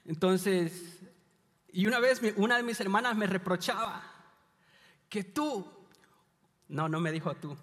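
A man's voice: high-pitched, unhurried, long pauses, a bit bright. A man from El Salvador, preaching a sermon in a conversational, confiding way with light humor. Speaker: pastor. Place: church hall. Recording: long reverb of a large hall.

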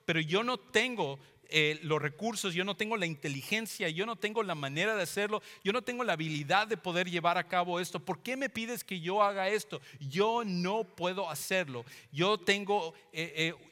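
A fearful Moses who pleads with God, anxious and repeating himself, as a preacher puts him on. The voice sits higher and sounds bright and sharp. A long hall reverb trails behind every phrase. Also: male voice. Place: church hall.

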